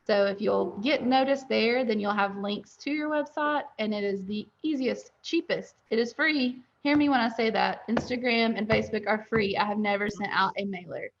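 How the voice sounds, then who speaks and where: A woman's voice: mid-range voice, normal speed, vocal fry, few pauses, a little hiss or hum. Chatty young woman on a dull call. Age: young adult. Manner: candid, chatty, laughs easily. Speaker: dental lab owner and guest. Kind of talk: webinar interview.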